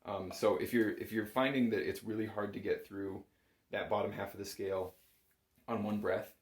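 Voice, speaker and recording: In a fairly low voice with fairly even intonation and a normal pace, this man teaches bagpipes, walking through each step informally and reassuringly. The lesson was captured in a small indoor room with noticeable echo.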